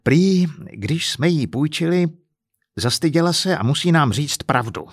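An angry middle-aged husband bellows in a raised, strained voice, as a male reader puts him on. His delivery is crude and indignant, with a husky grain and a swinging, lively pitch. It is a storybook reading with a close, dry sound. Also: no room sound. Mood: furious ranting. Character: furious middle-aged man, swindled family.

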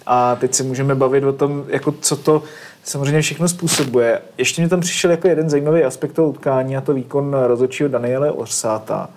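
A man's voice: mid-range voice, fairly even intonation, darkish tone, slight background noise. A man hosting a casual football discussion, talking in a colloquial way and putting questions to his guests.

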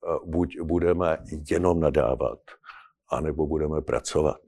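A man commenting as a guest in a political discussion, speaking in an earnest, persuasive and measured way. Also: extremely low pitch, vocal fry, warm tone.

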